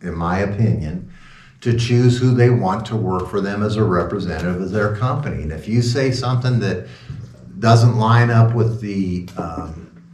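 A pastor in his sixties, with a fairly low-pitched, darkish voice at normal speed, gives an informal, rambling sermon talk peppered with sarcastic asides. He's in a small wood-paneled room indoors, recorded from a distance with a roomy echo and a little hiss or hum.

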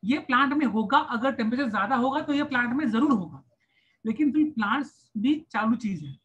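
A woman's voice: high voice, fairly bright tone. A woman with an Indian accent teaching a science class online, chatty and playful, switching between Hindi and English. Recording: dull lo-fi online class audio.

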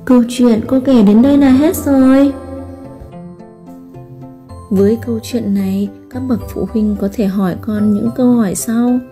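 A preschool teacher, narrating a storybook tale for children slowly and carefully. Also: female voice, a little high, steady tone. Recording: long hall reverb, soft music behind.

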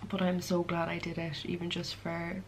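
In a noisy background, a west of Ireland woman in her early twenties answers questions in a casual Q and A vlog to camera. She speaks at normal speed with a fairly low pitch and a completely flat delivery.

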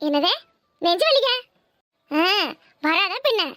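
A woman with a southern Tamil Nadu accent voicing a spiteful, scheming mother-in-law who taunts and scolds at a rapid clip. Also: very high voice, animated. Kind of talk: cartoon voice acting.

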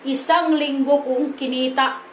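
High-voiced Visayan woman vlogging, echoey room. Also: fairly even intonation, slight background noise. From Visayas, Philippines. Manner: firm, blunt tone with halting restarts. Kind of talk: casual vlog to camera. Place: room at home.

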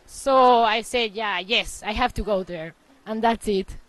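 A woman's voice: medium pitch, a little slow, no echo, poor audio. A young woman from the Basque Country in Spain, answering interview questions casually on a handheld mic indoors. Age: young adult. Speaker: staff member interviewed. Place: indoor hostel reception.

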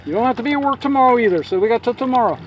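A man filming from his kayak on the open ocean, calmly coaching a friend through a long fight with a fish and calling him buddy. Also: very high-pitched, racing, dull audio, noisy background. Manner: calm, coaxing, repeats "buddy". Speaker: fishing guide and channel host. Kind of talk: encouraging coaching while filming.

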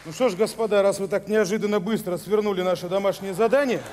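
Man as a high-voiced formal detective. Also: fairly even intonation, quick pace, natural voice. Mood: dry. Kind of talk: live sketch comedy. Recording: noisy hall with crowd.

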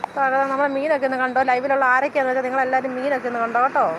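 A very high-voiced woman talks like a street fish vendor on a casual livestream, calling out and repeating herself to viewers. She is outdoors at a roadside, with loud traffic noise all around her. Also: level tone, racing, muffled recording. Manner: calls out to viewers repetitively, like a vendor. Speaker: fish seller hosting a livestream from the stall. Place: outdoor fish stall by a bypass road.

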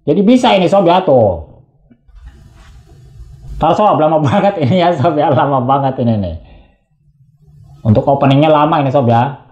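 A man's voice: on the high side, lively intonation, moderate pace, pauses often, darkish tone, reverberant, highs cut off. A man narrating a casual tech tutorial, chatty and slangy, constantly addressing viewers.

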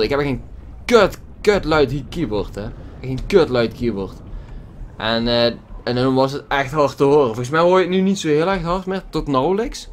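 A man giving casual gameplay commentary at his computer, swearing a lot with exaggerated frustration. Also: on the high side. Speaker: gaming YouTuber. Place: at a computer desk with a loud keyboard. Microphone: desk microphone.

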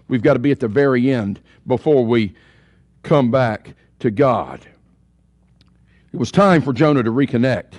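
A man's voice: on the high side, a little mellow, dry recording, studio quality. A man preaching a sermon in church, repeating phrases and rising and falling for emphasis. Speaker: pastor.

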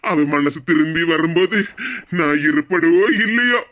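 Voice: medium pitch, moderate pace, pushed and bright, lo-fi sound, close to an everyday voice. A voice actor doing a weepy remorseful cartoon husband. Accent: Kanyakumari Tamil. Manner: lamenting, repeats phrases mournfully. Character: remorseful middle-aged husband and father, weepy. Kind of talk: cartoon comedy voice acting.

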